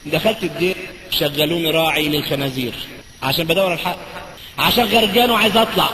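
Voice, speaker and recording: A man with an Egyptian Arabic accent, a former priest giving an impassioned, dramatic testimony in a mosque. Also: fairly high pitch. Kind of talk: preaching personal testimony. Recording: echoey hall with faint noise.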